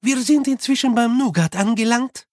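A woman's voice: a little high, moderate pace, darkish tone, no room sound, clean studio sound, pitched above the performer's own voice, close to an everyday voice. An audiobook narrator voicing a flustered, diplomatic young woman with a raised, anxious voice. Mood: fretful. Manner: anxious, over-polite.

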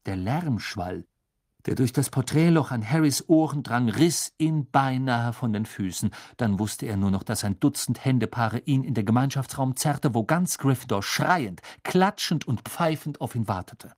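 Mann liest dramatisch vor, rau, nah am mikro, kein hall. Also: male voice, mid-range voice, moderate pace, studio quality. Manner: expressive, dramatic storytelling. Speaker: audiobook narrator. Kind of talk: scripted audiobook narration.

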